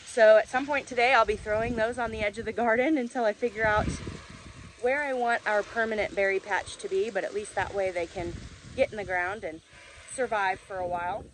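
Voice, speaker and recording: A woman chatting casually to camera as a homesteading vlogger, informally explaining chores outdoors with a tractor rumbling behind. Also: fairly even intonation, a little fast, a little hiss or hum, low-quality recording. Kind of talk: casual vlog chat to camera. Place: outdoors on a farm.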